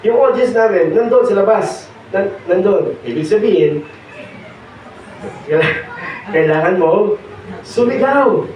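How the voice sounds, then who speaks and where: A hoarse young man preaching a sermon, mixing in English and pausing on fillers. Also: high voice, lively intonation, a little mellow, slight background noise. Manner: mixes Tagalog and English, pauses with fillers. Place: church hall. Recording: echoey hall, distant dull mic.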